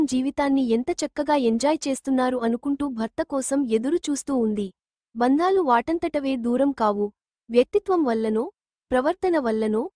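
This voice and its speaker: A woman narrating a written story in a steady reading voice. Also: high-pitched, no echo, clean studio sound.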